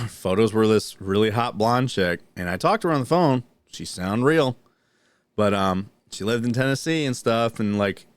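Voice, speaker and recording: A man's voice: lowish voice, lively intonation, normal speed, clear, resonant tone, no echo. Rambling, profane man on a podcast. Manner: rambling, profane, with many restarts and fillers. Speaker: podcast co-host. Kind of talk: casual storytelling chat, then reading news items.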